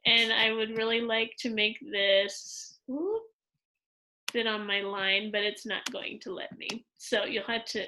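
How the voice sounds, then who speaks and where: A woman teacher walking second graders through a worksheet in a slow, patient lesson, explaining each step aloud. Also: fairly high pitch, pushed and bright, slight background noise, poor audio. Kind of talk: instructional screen-recorded lesson.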